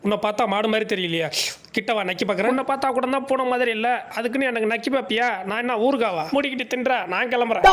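A man talks fast and high, teasing and joking as he voices animals in comic clips. His tone is cartoonish and bantering. A clear hiss of noise sits behind him. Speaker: comedy voice-over creator. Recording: noisy background.

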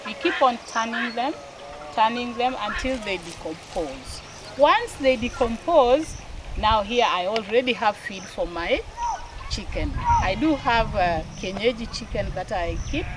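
Farmer woman explaining outdoors, slightly high. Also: lively intonation, measured pace. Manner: plain, practical step-by-step explaining with restarts. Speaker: dairy farmer. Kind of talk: explaining her farm on camera. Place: outdoors on a rural farm. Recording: outdoor recording with clear background noise.

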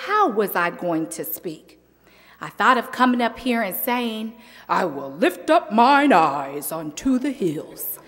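A woman giving a sermon as the youth Sunday speaker, talking in a slow, deliberate preaching manner. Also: a little high, fairly bright tone, big-room sound. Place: church.

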